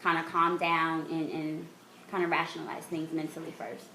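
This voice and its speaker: A woman hosting a casual chat, talking in a measured, reflective way. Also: sits low, level tone, sharp tone. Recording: echoey room with faint noise.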